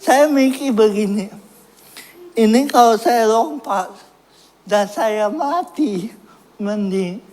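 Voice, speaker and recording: A man delivers a personal testimony sermon at a slow, unhurried pace. He pokes fun at himself and laughs through his story, then turns earnest as he recounts his prayers. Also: high-pitched, a little mellow. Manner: self-mocking, laughs at his own story. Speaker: preacher giving testimony.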